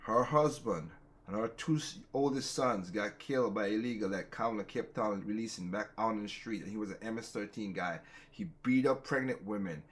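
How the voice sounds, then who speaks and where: A man's voice: fairly low pitch, brisk. A man hosting a casual political talk show, rambling with many restarts and growing heated. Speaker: podcast host.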